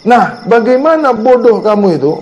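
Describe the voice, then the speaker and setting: High-pitched scolding preacher. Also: male voice, very animated, normal speed. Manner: scolding, repetitive, rising to sharp outbursts. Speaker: religious teacher. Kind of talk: Sufi sermon. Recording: dull sound with long reverb.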